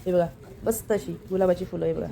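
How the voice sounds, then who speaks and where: A woman's voice: on the low side, fairly even intonation, fast talker, vocal fry, noisy background. A woman with a Marathi accent, chatting casually to the camera as she shows things around her family home. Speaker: vlogger. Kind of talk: casual family vlog narration.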